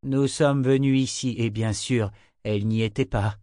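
Man reading an anxious breathless mother, middle pitch, dry sound. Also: steady tone, normal speed, mellow, dry recording, natural voice.

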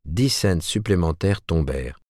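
A man reads a novel aloud in a measured, storytelling way. His voice is very deep. The recording is dry and close, with no room sound. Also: lively intonation, dark tone, dry recording. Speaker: audiobook narrator. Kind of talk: scripted narration.

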